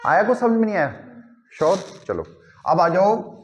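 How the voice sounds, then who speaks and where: Over soft background music and lo-fi sound, a man with a high, widely swinging voice teaches chemistry. He peppers the class with quick, repeated checks on whether they follow, sprinkling English phrases throughout.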